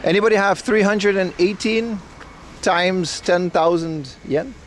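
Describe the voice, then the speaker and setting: A man's voice: high-pitched, unhurried. A man from Aruba with an American accent, chatting casually as a livestream host in a rambling, slangy, playful way. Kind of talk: casual outdoor livestream chat. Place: outdoors in a rural Japanese town on a rainy day. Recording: noisy outdoor street with passing cars. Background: traffic and outdoor ambience.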